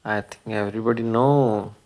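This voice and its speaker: A man with a low-leaning, steady, slightly mellow voice presents a children's learning video at normal speed. He narrates a simple lesson for young children in short phrases, often prompting them with questions.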